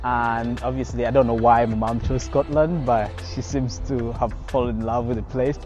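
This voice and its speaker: A man's voice: mid-range voice, fairly even intonation, normal speed. Guy in his 20s from congo, chatty and upbeat, says you know a lot, faint music under it. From Democratic Republic of Congo. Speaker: filmmaker and DJ. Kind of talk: documentary interview. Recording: slightly muffled, with faint music behind.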